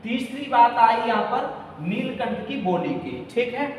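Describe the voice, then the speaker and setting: Guy teaching a class, high voice, big echo, sounds far from the mic, keeps asking himself questions. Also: big pitch swings, unhurried. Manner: repetitive, asks and answers own questions. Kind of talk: classroom lecture. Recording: echoey room, mic at a distance, faint hum.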